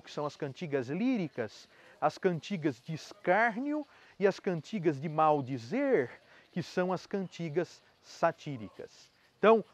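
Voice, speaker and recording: A man's voice: high-pitched, a little mellow. A middle-aged man, giving a spoken lesson on poetry in an explanatory manner, often adding tag questions. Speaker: channel host.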